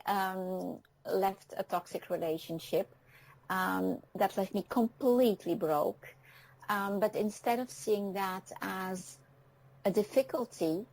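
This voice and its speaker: A woman in her fifties from France, raised speaking French and Dutch, talks as a guest on an internet radio show. Her mid-pitched voice has a gravelly edge of fry. She takes her time and thinks out loud, with frequent pauses and ums. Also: rough recording. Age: 50s. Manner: reflective, pausing often with ums.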